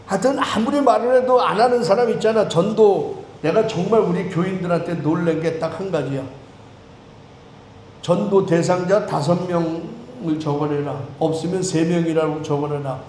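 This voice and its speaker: Male priest, high voice, chatty joking sermon, roomy church sound. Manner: conversational, joking with the congregation, quick swings between loud and soft. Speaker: Anglican priest. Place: church sanctuary. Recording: echoey church with faint room noise.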